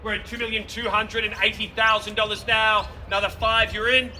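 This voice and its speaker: A man with a high voice runs a live street auction, projecting emphatically and repeating the bids. He is picked up from a distance, with clear street noise around him. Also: level tone, a little fast, pushed and bright. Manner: projected, emphatic, repetitive bid calling. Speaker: property auctioneer. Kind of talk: live auction calling to a crowd. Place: outdoors in a residential street. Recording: distant mic, noisy street with vehicles.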